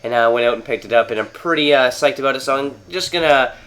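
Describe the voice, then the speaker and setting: A gaming video host from Canada talks through a game at home on his TV, sounding nasal because of a cold. His voice is mid-range and fairly bright with a quick pace, and his casual commentary rambles, with frequent fillers and restarts.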